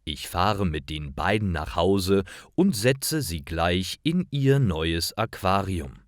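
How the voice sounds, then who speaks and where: A man reads short stories for language learners, narrating from a script in a careful, measured, clearly enunciated way. His low voice has a sing-song quality, and the studio-quality recording has no echo.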